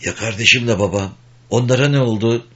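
A man's voice: mid-range voice, brisk, pushed and bright, close to an everyday voice. A man doing a despairing one-legged young soldier. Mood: desperate. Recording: dull lo-fi recording.

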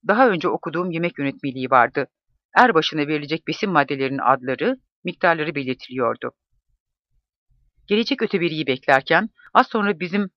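A man narrating a first-person memoir in a measured, reflective reading. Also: a little high, no room sound. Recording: dull, dry close-mic recording.

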